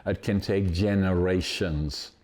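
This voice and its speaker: He speaks slowly in a low, steady, slightly mellow voice, a man in his eighties with a Dutch accent. Originally from Groningen in the northeastern Netherlands, with that region's Dutch dialect as his mother tongue, he hosts a podcast interview conversationally. His anecdotes wander but stay emphatic and positive.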